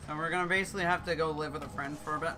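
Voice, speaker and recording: Young guy streaming a game, kinda high bright voice, chatty and rambly, faint room hum. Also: steady tone, racing. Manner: rambling, chatty, clears throat often. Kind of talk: casual chat while gaming.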